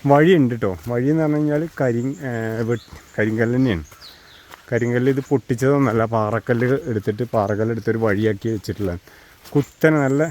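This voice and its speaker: Male Malayali vlogger, mid-pitched, chatty walk-and-talk tour delivery peppered with English slang, recorded outside with clear background noise. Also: darkish tone. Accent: Kerala Malayalam. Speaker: vlogger giving a walking tour. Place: outdoors in hilly countryside.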